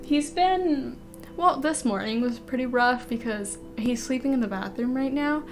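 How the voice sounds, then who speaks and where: A woman with a fairly high voice talks casually and ramblingly while playing a video game. Wearing dental aligners gives her a slight lisp. Faint game music plays behind her. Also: measured pace. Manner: casual, rambling, reading game text aloud between remarks. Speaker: game streamer.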